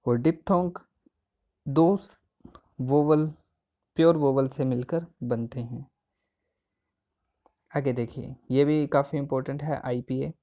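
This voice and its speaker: A man's voice: mid-range voice, steady tone, takes it slowly, long pauses, warm tone, highs cut off. A man teaching an exam coaching lesson, asking questions and answering them himself. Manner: asks and answers own questions.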